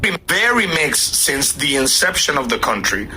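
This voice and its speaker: A man's voice: on the high side, sing-song, normal speed, sharp tone, slight background noise. A man stating his views in a firm, declarative monologue. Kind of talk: opinionated video monologue.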